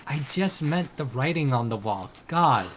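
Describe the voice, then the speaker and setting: A man chats casually as a player at a tabletop game. He is eager and often stumbles over his words. His voice is mid-pitched over a faint hiss. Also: animated, a little slow.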